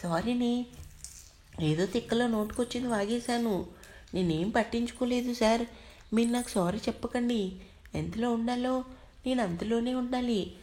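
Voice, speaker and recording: A woman's voice: on the high side, normal speed, long pauses, dark tone, natural voice. A woman reading a proud, hurt young office girl. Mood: sulky.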